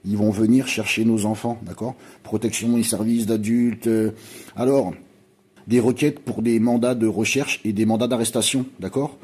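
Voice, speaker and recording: A middle-aged man rants to his subscribers in an agitated, insistent way, repeating himself over and over. His voice is low, dark and husky. He keeps pressing his listeners to listen to him and to wake up. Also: fairly even intonation, normal speed. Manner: insistent, repeats "hein" constantly, urging viewers. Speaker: video channel host. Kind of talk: agitated conspiracy vlog.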